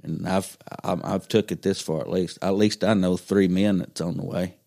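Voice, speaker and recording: A man's voice: sits low, fairly even intonation, normal speed, vocal fry, warm tone. A man talking bluntly and folksily about faith in a casual chat.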